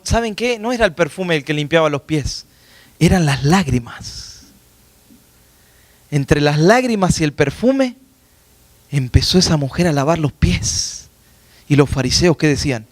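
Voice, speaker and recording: High-voiced impassioned male preacher. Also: no room sound. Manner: impassioned preaching with rhetorical questions, calls listeners "hermanos"; swings between loud high peaks and hushed low asides. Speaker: pastor. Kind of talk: sermon. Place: church.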